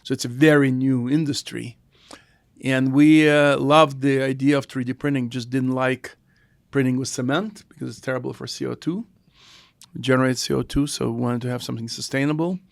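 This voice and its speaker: Gravelly Russian-accented man. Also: mid-range voice, steady tone, no echo, clean studio sound. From former Soviet Union. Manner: halting, thoughtful delivery with restarts. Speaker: guest, founder. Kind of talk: casual podcast conversation.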